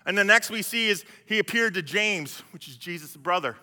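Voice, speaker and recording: High, bright-voiced preacher in a reverberant hall. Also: male voice, lively intonation, moderate pace. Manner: conversational, acts out biblical scenes, many restarts. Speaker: pastor. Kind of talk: sermon.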